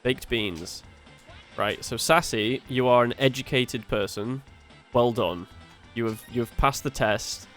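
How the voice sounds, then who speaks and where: A man co-hosting a casual game playthrough, telling stories in an animated way, swearing, laughing and often tripping over his words. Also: medium pitch, unhurried, soft background music. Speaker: co-host of a gaming playthrough. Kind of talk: casual chat over gameplay.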